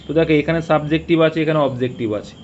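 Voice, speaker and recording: A man teaching English grammar, asking questions and answering them himself, and reading example sentences out slowly. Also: fairly high pitch, fairly even intonation. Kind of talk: spoken grammar lesson. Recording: dull lo-fi audio with faint hiss.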